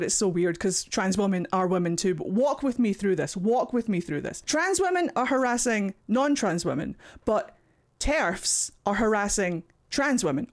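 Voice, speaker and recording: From a warm home office, this YouTube reaction host speaks with a Scottish accent in a high-sitting voice. His casual commentary is lively and supportive, with the odd passing swear word.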